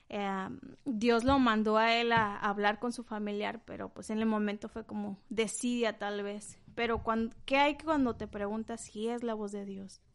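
Earnest woman co-hosting a faith talk. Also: fairly high pitch. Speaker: co-host.

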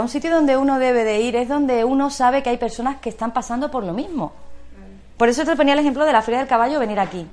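A woman giving an encouraging talk to a live audience, coaxing and animated, with direct questions and many diminutives. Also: sits high. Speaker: guest speaker at a community talk. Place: community centre room.

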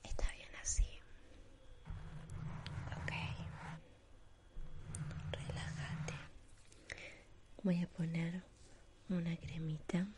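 A woman with a Rioplatense Spanish accent doing a whispered role-play as an ASMR spa attendant, in a soothing sleep-narrator manner with gentle repetition and diminutives. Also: lowish voice, level tone, extremely slow, long pauses. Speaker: ASMR performer giving a pampering spa treatment.

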